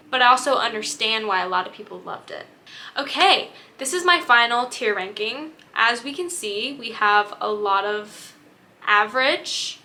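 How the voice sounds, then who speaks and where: Bright-voiced young woman book vlogger. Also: on the high side. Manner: chatty, candid, filler-heavy. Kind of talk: casual chat.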